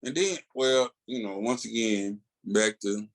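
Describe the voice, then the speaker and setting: This comics podcast co-host, a Southern-accented man from rural Tennessee, speaks in a lowish voice and takes his time. He chats casually and with animation, spinning stories in everyday language and performing the lines he quotes.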